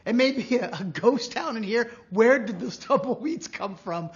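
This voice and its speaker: A man's voice: very high voice, animated, moderate pace, lo-fi sound. Playful man hosting a trivia show. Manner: jokey, playful asides. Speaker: trivia game show host. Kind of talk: live-streamed game show hosting.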